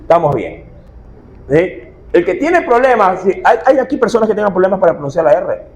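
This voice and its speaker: A middle-aged man preaching. His voice sits high and leaps up and down with great animation. He keeps turning to the congregation with rhetorical questions. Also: sing-song, brisk, darkish tone, low-quality recording. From Ecuador. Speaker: pastor. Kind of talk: sermon.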